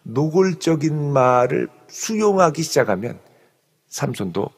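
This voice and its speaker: A man's voice: on the high side, measured pace, slightly rough. A male pastor preaching an early-morning sermon, playfully acting out the story as he explains it. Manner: animated, playfully acts out the story. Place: church sanctuary. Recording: long hall reverb.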